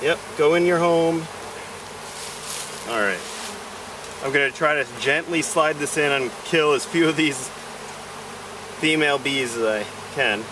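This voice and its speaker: Pausing often and speaking a little slowly, a man with a voice on the high side talks through a beekeeping job for the first time. He's unsure and self-deprecating as he explains, filmed from a distance outdoors in a leafy yard with bees buzzing loudly behind him.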